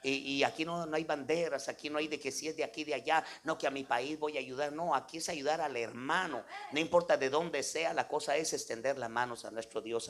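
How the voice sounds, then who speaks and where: Speaking in a mid-range, slightly bright voice, a Guatemalan-accented evangelical preacher exhorts his congregation in an unplanned sermon peppered with devotional interjections and tag questions.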